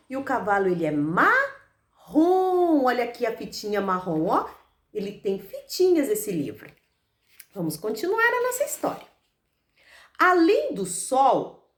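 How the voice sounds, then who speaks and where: A woman teacher leading an online class for young children, talking slowly and in an exaggerated sing-song way. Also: sits high, fairly bright tone.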